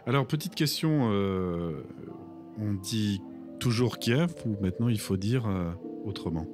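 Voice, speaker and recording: A man's voice: fairly low pitch, animated, unhurried, over music. A man hosting a casual podcast, giving short affirming reactions and wrapping up segments. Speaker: podcast host.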